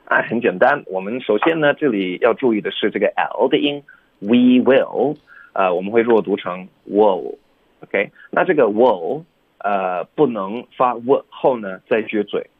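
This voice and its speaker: A man's voice: fairly low pitch, unhurried, husky, no room sound, phone-quality sound. A man co-hosting a radio English lesson, explaining pronunciation step by step and often checking with "OK?". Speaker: English teacher co-host.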